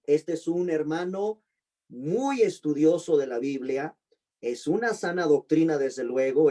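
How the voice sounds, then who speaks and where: A man with a mellow voice that sits a bit above the usual male range, teaching an online class. He says each term slowly and more than once, spells out the letters, and puts questions to his students. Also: fairly high pitch. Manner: slow, deliberate spelling-out of terms. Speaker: pastor and teacher.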